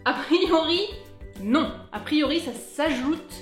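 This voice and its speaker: A woman's voice: high voice, expressive, takes it slowly, reverberant, faint music behind. A young woman chatting through a casual beauty product review, playful and talkative, breaking into little sung asides. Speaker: beauty vlogger.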